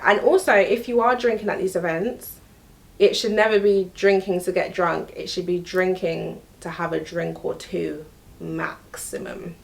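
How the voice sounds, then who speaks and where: A woman's voice: fairly low pitch, creaky. A young woman giving frank, emphatic career advice straight to camera, repeating her key points. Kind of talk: direct-to-camera advice talk.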